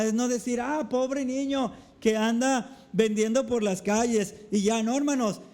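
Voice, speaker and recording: High-voiced preacher, slow and emphatic. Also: male voice, dark tone. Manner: preaching with repeated address to the brethren; slow, emphatic delivery with dramatic drops. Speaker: pastor. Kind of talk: sermon. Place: church.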